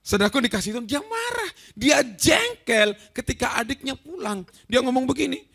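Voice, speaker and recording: A man preaching a lively storytelling sermon in a church hall. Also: extremely high pitch, moderate pace, creaky, slightly rough. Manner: lively, storytelling, addresses listeners as saudaraku.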